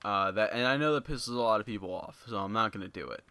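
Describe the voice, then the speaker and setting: A young gaming YouTuber rambles casually to his viewers, unscripted, in a flat monotone packed with fillers and plenty of "you know"s. His voice is lowish and fast with a clean tone, recorded on a basic low-end home mic without echo.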